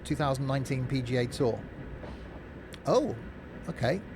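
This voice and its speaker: Playing a train simulator live, a man with a mid-pitched voice speaks at normal speed, jokey and informal, moving between game commentary and chatty answers to his viewers. Through his streaming microphone and mixing desk, a steady bed of noise and vehicle rumble is clearly heard.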